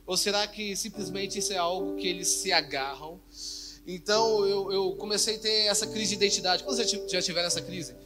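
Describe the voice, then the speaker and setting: A man's voice: high voice, fairly quick, over music. A young man preaching a testimony sermon, repeating phrases and quizzing the congregation. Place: church hall, indoors.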